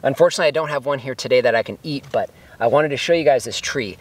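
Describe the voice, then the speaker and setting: A homesteading vlogger rattles off a rapid-fire tour of his fruit trees in a medium-pitched voice. He's outdoors in his orchard, casual and enthusiastic, occasionally talking while eating.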